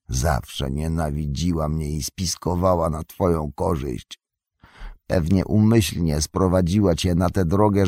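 A man voicing a bitter, scornful fallen old wizard turned beggar, with a gravelly, husky voice and drawn-out mocking speech. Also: deep voice, a little mellow, no room sound, clean studio sound, exaggerated voice. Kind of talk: audiobook character reading.

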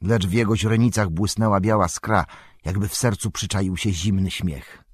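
Low husky male audiobook narrator. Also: fairly even intonation, moderate pace, dry recording, studio quality. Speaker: audiobook reader. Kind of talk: scripted narration.

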